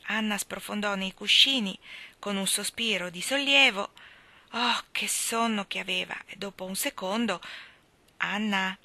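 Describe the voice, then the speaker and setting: Woman narrator, audiobook, bright clear voice, dry close sound. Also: mid-range voice, no echo. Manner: clear, measured storytelling. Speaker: audiobook reader.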